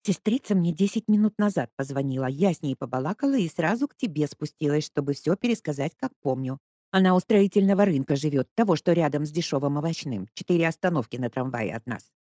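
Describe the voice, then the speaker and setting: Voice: mid-range voice, animated, quick pace, mellow, no echo, lightly acted. Gossiping old woman, voiced by a narrator, folksy and eager; dry recording.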